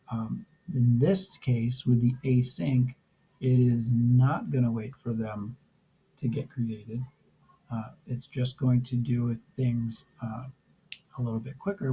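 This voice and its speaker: A man who is losing his voice, teaching a programming lesson step by step in a relaxed way with frequent fillers. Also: mid-range voice, slight background noise, poor audio. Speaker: programming instructor. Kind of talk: screen-recorded coding tutorial.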